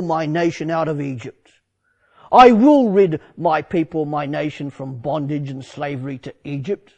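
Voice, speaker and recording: A male preacher voicing God, who speaks to Moses in slow, solemn and measured declarations within a dramatic monologue sermon. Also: high-pitched, darkish tone.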